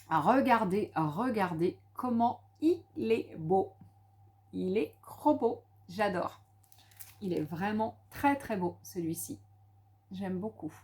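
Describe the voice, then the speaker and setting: A woman's voice: mid-range voice, a little mellow. A woman from France chatting casually at home about craft supplies she bought, enthusiastic and full of little hesitations and repeats. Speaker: crafting vlogger. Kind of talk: casual haul and craft chat.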